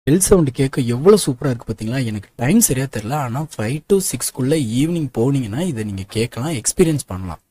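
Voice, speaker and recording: Man, 30s, from Tamil Nadu, travel vlog voice-over, practical and direct, rapid delivery. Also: medium pitch, expressive, noisy background. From Tamil Nadu, India. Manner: practical, matter-of-fact, addresses viewers directly. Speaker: travel vlogger.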